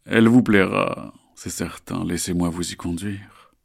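A cunning male panther from a children's storybook, speaking in a slow, low, raspy purr meant to sound reassuring, voiced by a male narrator. The husky voice stays close to a man's natural low register, unhurried and smooth. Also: level tone, darkish tone, exaggerated voice. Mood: sly.

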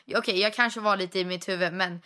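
A young woman chatting casually with a friend, telling a story with lots of life. Her voice sits at a middle pitch, and she mixes English phrases into her talk. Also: steady tone, pushed and bright. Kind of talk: casual chat.

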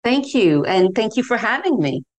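Measured middle-aged American woman. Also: a little high, big pitch swings. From New York City. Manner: measured, reflective storytelling. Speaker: yoga teacher. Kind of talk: podcast interview guest.

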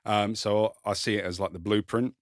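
Fairly low in pitch and fairly even in intonation, this man speaks at a moderate pace in studio-quality, echo-free sound. A Kent native with a south-east English, Essex-like accent, he's a content creator and author talking modestly about himself as a podcast guest, swearing in a relaxed conversation.

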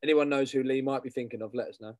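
A man's voice: medium pitch, fairly even intonation, fast talker, a little mellow, no echo, studio quality. A man co-hosting casual football chat in a chatty, bantering, colloquial way. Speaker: podcast co-host.

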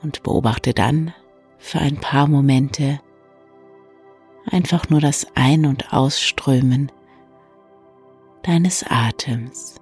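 A person gently guiding an evening relaxation in a soft, hushed, soothing voice with long pauses. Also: mid-range voice, slightly rough. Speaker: meditation guide and bedtime story reader. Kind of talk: soft, soothing guided meditation for bedtime. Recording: soft new-age music bed. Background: calm new-age music.

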